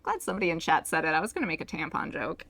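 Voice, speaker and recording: A woman's voice: deep voice, very animated, rapid-fire, fairly bright tone. Chatty woman hosting a casual game livestream. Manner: chatty, welcoming to viewers. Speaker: game streamer, host. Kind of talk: casual livestream chat and reading game dialogue aloud.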